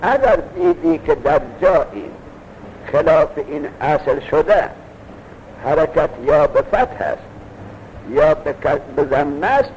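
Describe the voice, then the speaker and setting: A man's voice: a little high, expressive, a little mellow. A man teaching a classroom lesson, lecturing with rhetorical questions and reading texts aloud. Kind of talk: classroom lecture on Arabic grammar. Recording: dull lo-fi recording with faint noise.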